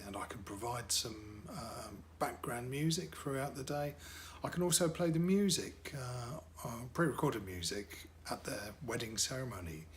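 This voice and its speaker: With a little hiss or hum in the recording, a mid-range male voice belongs to a middle-aged wedding DJ and MC. French is his first language, and his casual talk about his work is full of fillers and repetition.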